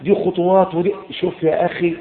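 A man with an Egyptian Arabic accent preaches a sermon fast and emphatically, repeating himself and swinging between loud exhortation and low, intense tones, though his pitch moves little. The recording is echoey and lo-fi, like a phone.

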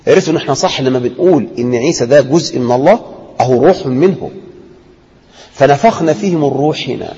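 A man with an Egyptian Arabic accent teaching a religious lesson, acting out debates and often dropping to a low, quiet voice. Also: expressive, fast talker, slightly rough. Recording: echoey hall, dull lo-fi sound.

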